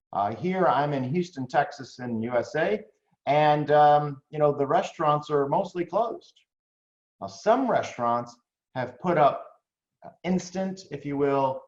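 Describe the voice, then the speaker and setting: A man's voice: medium pitch, reverberant, dull audio. A middle-aged man, a business coach, giving an online talk in a conversational way, with fillers and rhetorical questions. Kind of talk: webinar talk. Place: home office in Houston, Texas.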